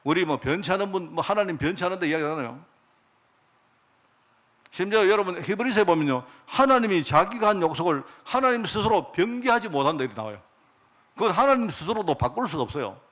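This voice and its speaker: A middle-aged man preaching a sermon in a slightly higher voice. He keeps throwing questions at the congregation and answering them himself. He often lets the ends of phrases fall into quiet asides. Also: very animated, fast. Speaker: pastor.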